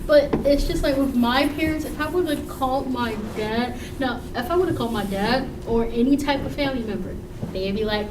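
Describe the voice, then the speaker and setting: A very high-voiced young woman spins lively stories about her family, putting on their voices and laughing as she goes. She sounds distant in an echoey room, with loud noise behind her. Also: normal speed. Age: young adult. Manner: animated storyteller, acts out relatives, laughs often. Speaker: college student panelist. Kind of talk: casual chat.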